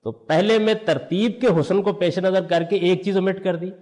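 A man's voice: high voice, fairly even intonation, darkish tone. Older man lecturing in a reverberant room. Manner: explanatory, asks and answers his own questions. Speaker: religious scholar teaching. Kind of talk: lecture on Quranic language.

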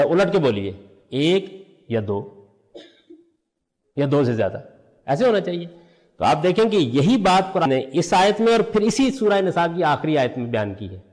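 A man's voice: fairly high pitch, a little mellow, in a large hall. An older man teaching a religious lesson, explaining step by step and answering his own questions. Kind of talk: lecture on Quranic language.

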